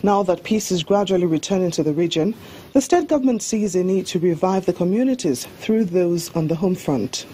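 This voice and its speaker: A woman's voice: on the low side, lively intonation, fairly quick, warm tone. A woman narrating a scripted news package as a field reporter. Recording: noisy crowd and ambience behind.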